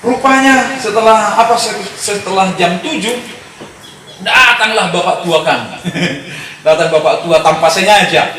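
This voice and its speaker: A man, telling a personal story in a sermon as an animated storyteller who talks straight to the congregation and chuckles often. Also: high-pitched. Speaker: preacher leading a discipleship session. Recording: very echoey hall, voice from a distance.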